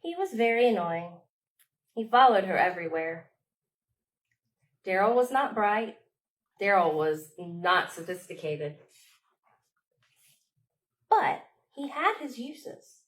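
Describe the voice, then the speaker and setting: Reading aloud to young children at storytime, a woman sounds much like a children's librarian, expressive and full of dramatic pauses. Her pitch is medium and her delivery animated.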